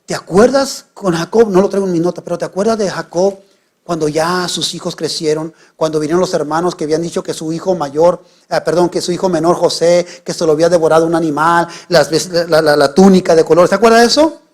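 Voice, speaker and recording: A middle-aged male pastor, preaching a sermon. He swings from hushed, quiet lines to sudden loud, raised ones. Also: a little high, steady tone, fast talker.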